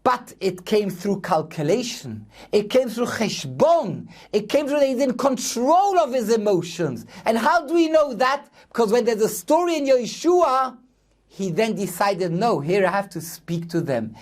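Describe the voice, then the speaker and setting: A rabbi giving a Torah sermon in an earnest, measured way, often correcting himself mid-phrase. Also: male voice, extremely high pitch, very animated.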